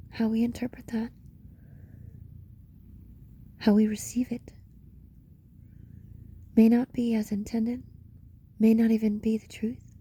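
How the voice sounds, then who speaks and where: A woman leads a guided meditation as a reflective monologue, her breathy, slightly high, mellow voice frequently slipping into a whisper. She moves slowly, with pauses between her short phrases.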